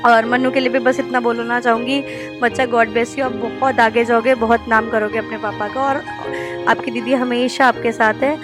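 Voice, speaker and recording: Young woman vlogger, fairly high voice, heartfelt chatty narration, background music loud under her. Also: flat delivery, normal speed, rough recording. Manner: heartfelt, chatty, mixes English words into Hindi. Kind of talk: casual vlog narration.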